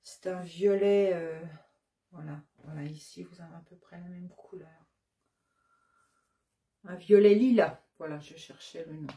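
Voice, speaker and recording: This woman runs a yarn shop and, in a casual show-and-tell, presents her new colorways on camera, listing colors one by one with many hesitant fillers. Her warm voice sits on the low side, and she speaks a little slowly, pausing often.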